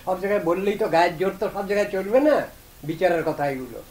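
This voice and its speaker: A man giving an earnest devotional discourse, reasoning aloud and reciting verses slowly. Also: sits high, expressive, a little mellow, poor audio. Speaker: religious speaker.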